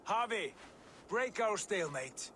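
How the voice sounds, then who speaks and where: An actor playing a level-headed Norse warrior god in a video game, measured but urgent. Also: male voice, high voice, animated, pushed and bright, a little hiss or hum, exaggerated voice. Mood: urgent, earnest. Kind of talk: dramatic video game acting. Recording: music under the voice.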